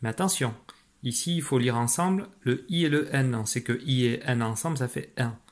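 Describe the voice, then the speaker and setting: A man gives a phonics lesson to young children. He talks patiently and kindly, slows down to sound out each letter and syllable, and cheers the child on after each answer. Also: medium pitch. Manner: encouraging, praises the listener. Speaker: teacher.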